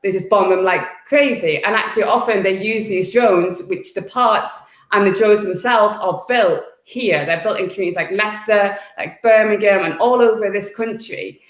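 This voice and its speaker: A woman's voice: medium pitch, normal speed, echoey room. A woman activist raised in the UK, talking fervently and bluntly as a guest in an interview, repeating words as she presses her points. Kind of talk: impassioned interview talk.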